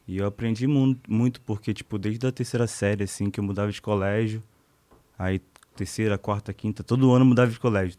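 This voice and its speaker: A man's voice: fairly low pitch, darkish tone, smooth. A Brazilian man, a podcast guest, chatting casually in a laid-back, slangy way. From Brazil, born in Salvador, raised in Manaus. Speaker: guest, rapper.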